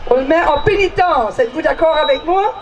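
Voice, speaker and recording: A woman's voice: high-pitched, lively intonation, fairly quick, noisy background. A woman with a Quebec French accent co-hosting from an outdoor festival stage, playful and teasing. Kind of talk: lively stage emceeing. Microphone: handheld stage microphone.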